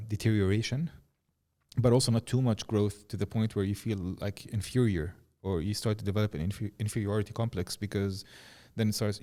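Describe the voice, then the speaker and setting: A man's voice: fairly low pitch, warm tone. A man in his thirties from Jordan, hosting a podcast in a loose, rambling way and leaning on "like" as he talks. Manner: rambling, restarts sentences, says "like" often. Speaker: podcast host. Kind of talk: casual conversation.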